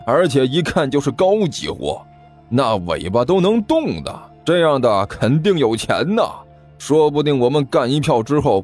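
A low, sneering growl of a mean street robber boss, as a male storyteller puts him on. He snaps and scoffs with bursts of contempt, over faint background music. It is a storybook villain, impatient and cocky. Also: a little mellow. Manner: scornful, snappish, sneering.

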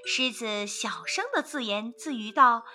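A woman narrating a storybook for children in an expressive, sing-song way. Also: a little high, unhurried, faint music behind.

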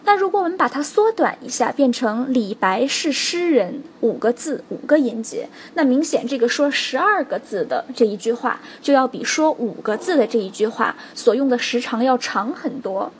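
A woman teaching a spoken English lesson, explaining stress rules clearly and stopping to check in with her students. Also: high-pitched, a little hiss or hum. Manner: explains slowly and clearly, stressing example words, checks in with "OK?" and "right?".

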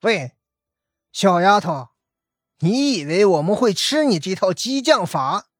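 Woman putting on a mocking lame bully man, lower voice, slow, menacing, storybook villain. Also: big pitch swings, no room sound, clean studio sound. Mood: sneering.

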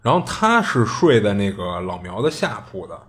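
Low-voiced man telling a ghost story. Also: very animated, normal speed, fairly bright tone. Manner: chatty, colloquial, with many filler restarts. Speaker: podcast host.

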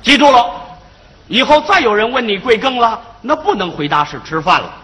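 Brief: male comic, teasing, animated, high and bright. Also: fairly quick, slight background noise. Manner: teasing, mock lecturing. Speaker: crosstalk comedian. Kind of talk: comic stage dialogue.

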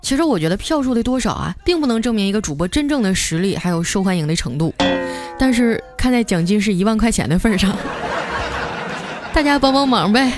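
A woman's voice: medium pitch, lively intonation, fast talker. A woman hosts a comic storytelling podcast, chatty and joking. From Northeast China. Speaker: podcast host. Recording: music bed under the voice.

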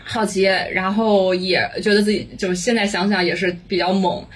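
A woman's voice: medium pitch, fairly even intonation, moderate pace, breathy edge. A woman from Beijing with a colloquial Beijing accent and some mixed influences, chatting casually as an interview guest. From Beijing, China. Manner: informal Beijing colloquial speech. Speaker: guest, visual artist. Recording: faint background noise and room ambience.

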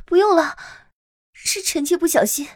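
An actress playing a fragile, scheming young imperial consort in an audio drama, with a tearful, breathless delivery. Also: female voice, extremely high pitch, normal speed. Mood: demure.

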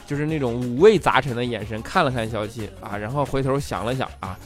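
A man telling comic stories as a host, jokey and lively, acting out quoted people in raised voices. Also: medium pitch, a little fast, soft background music. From Northeast China. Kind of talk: comic storytelling monologue.

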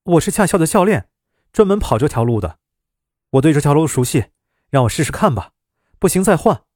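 A man's voice: fairly high pitch, sing-song, a little mellow, no room sound, clean studio sound. A man doing a confident young woman instructor. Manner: bold, brisk and self-assured.

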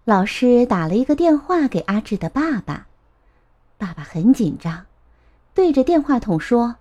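A woman narrating a children's storybook in a gentle, expressive way. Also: fairly high pitch, unhurried, lo-fi sound.

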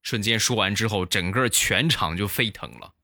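A man hosting a comedy show, telling funny stories in a lively way and acting out the voices, close to the mic. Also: lowish voice, normal speed, dry recording. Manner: lively, acts out every voice. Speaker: comedy host. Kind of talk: comic storytelling.

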